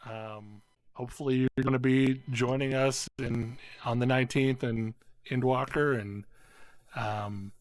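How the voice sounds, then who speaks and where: A man's voice: medium pitch, steady tone, a little slow, no room sound. A man hosting a casual gaming podcast, rambling a little with fillers as he signs off. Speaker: podcast host.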